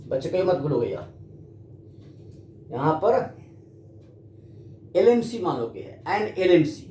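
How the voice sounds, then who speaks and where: A slow-talking man with a mellow, sing-song voice teaches grammar, his pitch moving up and down considerably. He talks to the class, asking questions and then answering them himself, in an echoey room with faint background noise.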